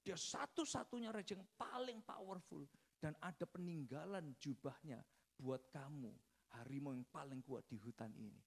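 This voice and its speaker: Man voicing a clever deer, flattering, crafty, storybook fable. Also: a little high, moderate pace, creaky.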